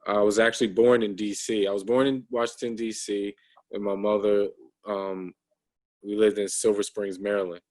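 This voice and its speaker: A man in his thirties speaks over a video call in a low, even voice that barely rises or falls. He talks casually as a guest. He pauses often, with frequent ums and restarts. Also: low-quality recording. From United States. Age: 30s. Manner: hesitant, many ums and restarts.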